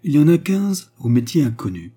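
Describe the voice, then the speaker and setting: A man reading the lines of a young woman who feigns repentant love, in an earnest, softly dramatic tone. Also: on the high side, sing-song, a little fast, breathy edge, pitched above the performer's own voice. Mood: pleading. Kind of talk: audiobook character reading.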